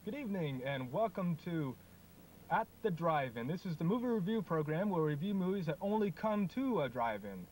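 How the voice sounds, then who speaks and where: A young man playing an enthusiastic, stubborn TV film critic hosting a mock review show, halting and repeating words. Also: a little high, very animated, darkish tone. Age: young adult. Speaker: show host. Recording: noisy home video in parked car.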